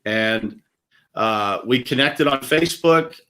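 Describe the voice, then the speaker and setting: A man's voice: mid-range voice, slow, pushed and bright. A man hosting a casual interview, easygoing and full of filler words. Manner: easygoing, lots of "uh" fillers and restarts. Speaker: show host.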